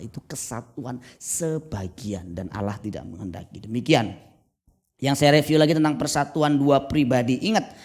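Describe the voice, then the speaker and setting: A man preaching a sermon as pastor at a church service, telling stories with lively energy and acting out the voices of husbands and wives. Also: medium pitch, slightly rough. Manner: lively storytelling, acts out spouses' voices.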